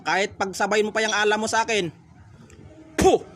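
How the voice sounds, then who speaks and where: A man's voice: high voice, level tone, fast talker. A man, a folk healer, confronting a spirit in a ritual, pressing it with short, repeated demanding questions. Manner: forceful, repetitive questioning.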